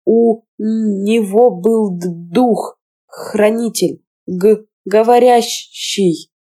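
Woman playing a scared teen boy, heavy stutter, very slow halting speech, dark mellow tone. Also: mid-range voice. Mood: shaken, halting. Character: shaken stuttering teenage boy student.

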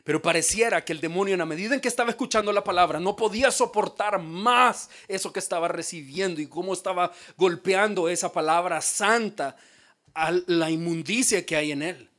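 A male pastor preaching a sermon in a dramatic style, dropping to a hush and then rising to shouts. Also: sits high, fairly quick. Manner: dramatic, acts out quoted voices, swings from hushed to shouted.

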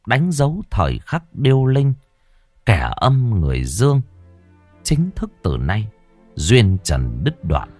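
A man's voice: medium pitch, dry recording, clean studio sound. A man narrating a scripted audiobook in a solemn, dramatic storytelling manner. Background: soft background music.

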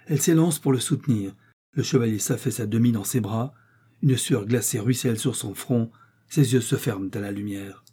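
Give me a man narrating a historical romance in a measured, expressive way. The voice is warm and dark, with a soft husk. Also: medium pitch, slightly rough. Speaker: audiobook reader. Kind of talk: dramatic novel reading.

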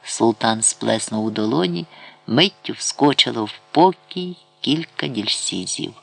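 A man narrates a historical novel for an audiobook. His voice sits at a middle pitch, and he reads in a measured, expressive way. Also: vocal fry.

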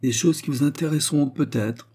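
A man's voice: on the high side, a little fast, warm tone, slightly rough, voice pushed up. A man voicing a sly, gossipy old widow concierge in an audiobook. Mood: sly gossip. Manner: gossiping, teasing, drawn out. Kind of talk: audiobook character voice.

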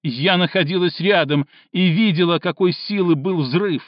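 A man voicing a young woman who is hysterical and tearful, shouting accusations in a shrill, sobbing voice, in an audiobook reading. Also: normal speed, no echo, highs cut off, close to an everyday voice. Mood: accusing.

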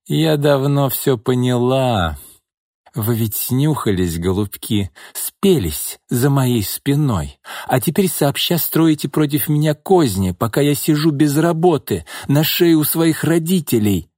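A man voicing a drunken, bitter ex-wife, hoarse and scornful, slurring and shouting. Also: medium pitch, animated, measured pace, no room sound, studio quality, voice pushed up. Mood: accusing. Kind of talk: audiobook character voice.

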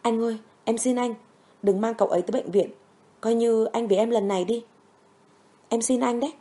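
A woman's voice: a little high, quick pace, a little mellow, natural voice. A woman voicing brave tearful young medic. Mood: pleading. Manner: urgent, pleading.

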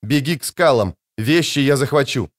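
Clipped decisive teen pilot in an audiobook, read by a man, mid pitch, no fuss. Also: lively intonation, normal speed, lightly acted. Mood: terse. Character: focused teenage boy pilot, young noble.

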